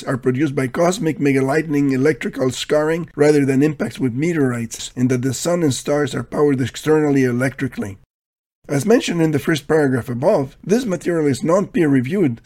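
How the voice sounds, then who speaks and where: A man's voice: fairly high pitch, darkish tone. A man reading scripted commentary in a dry, questioning, critical manner.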